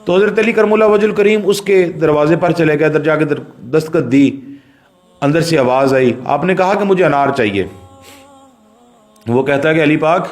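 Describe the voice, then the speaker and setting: A man with a Pakistani Urdu accent preaches a sermon. He tells a religious story and speaks directly to his listeners, dropping to low murmurs and then rising to emphatic lines.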